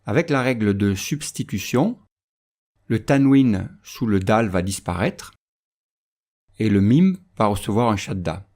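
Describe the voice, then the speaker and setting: A man explains recitation rules in a calm, measured teaching voice-over. His voice sits fairly low and sounds mellow and warm. He speaks unhurriedly, laying out each point slowly. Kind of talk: instructional voice-over lesson.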